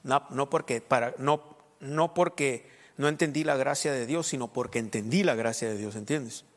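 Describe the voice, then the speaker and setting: A man with a Sonoran Mexican accent, a pastor preaching a sermon with lively asides and jokes to his congregation. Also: mid-range voice, normal speed, big-room sound. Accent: Sonoran Mexican Spanish. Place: church.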